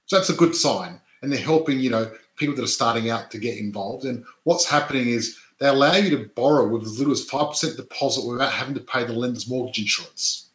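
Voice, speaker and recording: Male co-host, raised in Adelaide, chatty, self-correcting, bright tone, roomy echo. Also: medium pitch, quick pace, hardly any pauses. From Australia (Adelaide). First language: not English; parents were immigrants. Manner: chatty, tags statements with "right?", many restarts. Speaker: podcast co-host, real estate investor. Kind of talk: casual chat.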